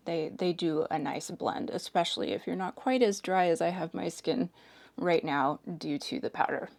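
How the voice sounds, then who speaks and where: Woman, forties, hoarse, lowish voice, casual chatty makeup talk, lots of "like" and "sort of". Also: moderate pace, a little mellow. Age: 40s. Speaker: makeup reviewer. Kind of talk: casual chat while doing makeup.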